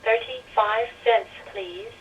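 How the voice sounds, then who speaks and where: A woman's calm, measured recorded voice plays over a payphone line, prompting for coin deposits. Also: on the high side. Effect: recorded payphone announcement heard over the phone line. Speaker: automated payphone announcement. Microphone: heard through a payphone handset. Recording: muffled phone line, distant, noisy.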